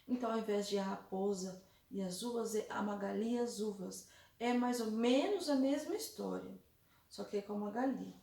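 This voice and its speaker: A Brazilian woman teacher explaining a workbook to young children, patiently repeating and slowly spelling out examples. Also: medium pitch, gravelly, warm tone, distant mic. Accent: Brazilian Portuguese. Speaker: primary school teacher. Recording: echoey room, voice set back from mic.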